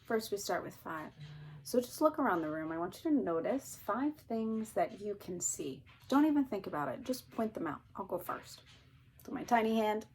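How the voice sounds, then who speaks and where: A woman therapist calmly and gently guiding listeners through a grounding exercise. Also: medium pitch, slight background noise. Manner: calm, gently instructing. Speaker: therapist teaching a technique. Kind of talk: calm guided grounding exercise.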